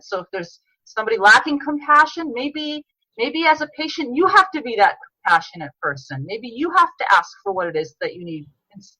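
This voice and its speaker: Bright, earnest woman author. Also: a little high, no room sound, poor audio. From New York. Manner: earnest, reflective, with frequent restarts. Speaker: author guest. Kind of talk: podcast interview conversation.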